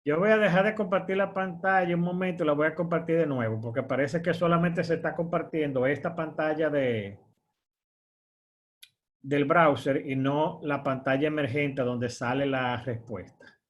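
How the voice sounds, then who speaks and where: A man's voice: a little high, moderate pace. A man, teaching an online course as a screen-share tutorial, explaining step by step with fillers and frequent "verdad?" checks.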